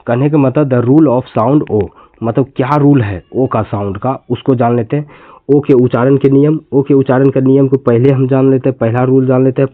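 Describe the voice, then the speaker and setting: A man's voice: mid-range voice, no room sound. Indian man teaching in a tinny lo-fi recording. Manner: repetitive, spells words out letter by letter. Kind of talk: classroom-style English reading lesson. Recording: tinny, phone-like lo-fi sound.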